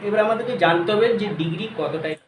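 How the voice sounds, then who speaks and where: A man teaching grammar, mixing English phrases into his explanations, repeating each point and checking whether his students are clear. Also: high voice, fast, roomy sound, slight background noise.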